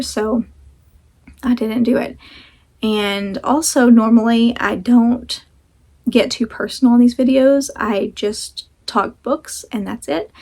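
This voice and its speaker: A woman's voice: fairly high pitch, a little mellow. A woman chatting casually to camera as a vlog host, rambling and self-deprecating, talking with a sore jaw that slightly restricts her mouth.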